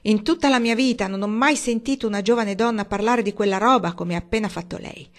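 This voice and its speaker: A woman reading aloud, voicing a gruff, angry old uncle who grumbles loudly and indignantly. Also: medium pitch, very animated, moderate pace.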